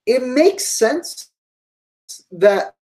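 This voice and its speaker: A woman's voice: high-pitched, sing-song, very slow, warm tone, low-quality recording. A woman giving a live-streamed history lecture to online students, thinking aloud with fillers and asides.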